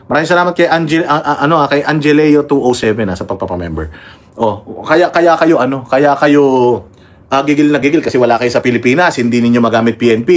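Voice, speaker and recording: Combative Filipino man ranting on a livestream. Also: on the high side. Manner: combative, mocking, thanks members and reads comments aloud. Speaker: political livestream host. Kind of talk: casual political commentary livestream.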